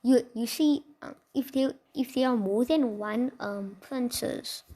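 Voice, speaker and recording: A woman's voice: fairly high pitch, slow pace, mellow, husky. A tired woman improvising a fan story, rambling with many restarts and asides.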